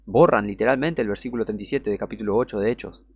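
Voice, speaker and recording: A man's voice: lowish voice, very fast, a little mellow, husky, lo-fi sound. A man giving heated Bible teaching, indignant and scornful, repeating his points.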